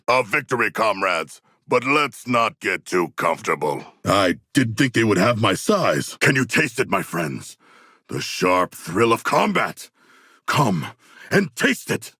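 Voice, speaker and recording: A man voicing an erudite, eager humanoid shark warrior for a video game, with gravelly voice and formal, stilted, grandiose diction. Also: on the low side, sharp tone, dry recording, studio quality, full character voice. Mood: earnest, then battle-hungry. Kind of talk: video game character voice lines.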